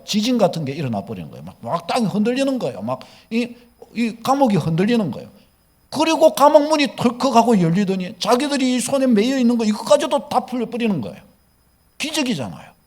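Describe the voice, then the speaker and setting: A man's voice: sits high, darkish tone. A male pastor, preaching a sermon and telling the story with questions to the congregation.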